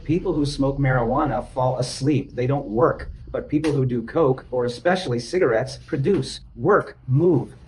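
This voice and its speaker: This man plays a therapist leading a group therapy session, speaking at a moderate pace with few pauses in a medium-pitched, darkish voice. He is insistent and repetitive, often checking that his listeners understand. A little hiss or hum sits under the recording.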